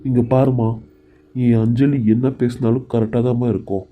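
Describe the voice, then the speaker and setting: A man's voice: mid-range voice, level tone, normal speed, narrow, tinny audio, lightly acted. A man voicing an indignant young husband who stands up to his mother in a cartoon serial.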